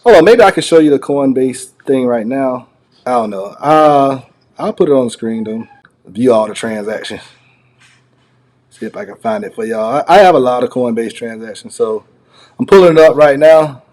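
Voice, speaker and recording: A man's voice: mid-range voice, expressive, normal speed, a little mellow. Rambling man doing casual off-the-cuff commentary. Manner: rambling, conversational, repeats phrases. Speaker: online channel host reacting to a recorded call.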